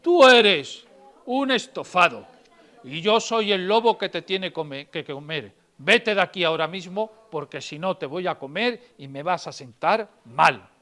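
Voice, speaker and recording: A woman voicing a hungry male wolf in a children's story, insisting loudly. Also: mid-range voice, moderate pace, pauses often, lightly acted. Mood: stern. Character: gruff hungry male wolf, grumbling and flustered.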